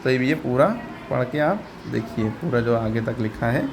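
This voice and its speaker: A man's voice: mid-range voice, normal speed, music in the background. A man teaching English reading, patiently repeating each sound and quizzing his learner step by step. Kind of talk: step-by-step phonics lesson.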